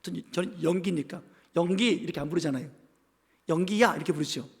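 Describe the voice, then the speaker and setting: A man from the capital region preaches a sermon in a church sanctuary. His voice sits high and carries a gravelly fry, and a long hall reverb trails every phrase. He preaches with emphasis and leads the congregation in call-and-response. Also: quick pace. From Seoul capital region. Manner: acts out quoted voices in his telling. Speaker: pastor.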